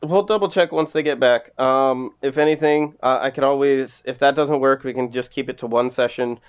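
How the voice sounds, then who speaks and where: A man's voice: mid-range voice, fairly even intonation, moderate pace, clear, resonant tone. A man acting as game master, loosely rambling through plans for the next sessions in casual chat over a voice call. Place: home, streaming online.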